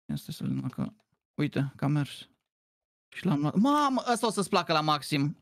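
A man co-hosting a casual gaming session, animated and joking as he points things out in the game. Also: on the high side, dry recording, clean studio sound. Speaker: gaming co-host. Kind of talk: casual gameplay chat.

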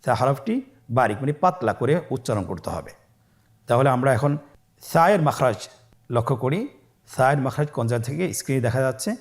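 A man's voice: mid-range voice, very animated. Patient man teaching letter sounds. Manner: patient, drawn-out letter sounds for learners to repeat; praises softly after each drill. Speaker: Quran reading teacher. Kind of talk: step-by-step lesson with call-and-repeat.

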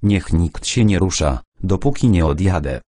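A man voicing a nervous masked robber who barks rough, half-hysterical orders in an audiobook. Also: deep voice, animated, moderate pace, dark tone, no room sound, studio quality. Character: nervous masked male robber, brutish and jumpy.

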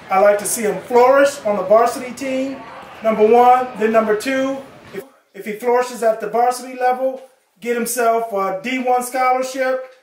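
Father, very high voice, slow hesitant talk, echoey living room. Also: slight background noise. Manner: measured, hesitant with fillers. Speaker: player's father. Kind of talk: interview. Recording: roomy, distant mic.

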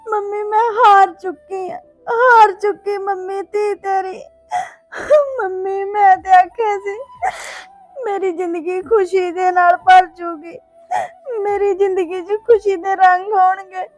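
A despairing young wife played by a woman pours out her grief in a very high, tear-choked voice. She pleads and sobs through her words, with faint music underneath. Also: steady tone, unhurried. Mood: tearful. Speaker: married daughter. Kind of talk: family drama acting.

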